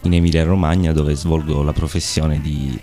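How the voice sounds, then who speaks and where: A man with an extremely deep, cavernous voice speaks as a guest at a studio mic. He talks in an easygoing, unhurried way, and faint music plays beneath. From Sicily. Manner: relaxed, agreeable, just woken. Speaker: radio guest, videomaker. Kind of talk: casual radio interview. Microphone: studio microphone.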